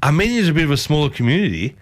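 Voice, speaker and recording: A man's voice: a little high, sing-song, very fast. A middle-aged man hosting a casual radio interview, chatty and enthusiastic. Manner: chatty, enthusiastic, calls people mate. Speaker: radio host.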